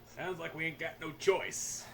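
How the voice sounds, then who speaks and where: A man's voice: on the high side, little pitch movement, measured pace, creaky, slight background noise. A man giving casual, slangy, joking commentary over a game he is playing. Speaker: gamer commentating on a playthrough.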